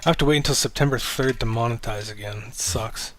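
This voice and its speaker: A man hosting a casual livestream chat, rambling and self-deprecating, swearing offhandedly in a low-key, fairly monotone way. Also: fast, a little hiss or hum. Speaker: livestream host.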